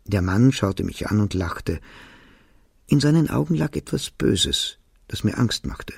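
A man reading a novel aloud as narrator, telling the story in a calm, measured way. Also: fairly low pitch, creaky, husky, no echo, studio quality. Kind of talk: audiobook reading.

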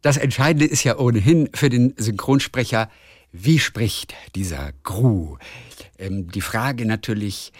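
A man hosting a radio interview, asking brisk, chatty questions. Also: on the low side, dry recording, studio quality. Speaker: radio host.

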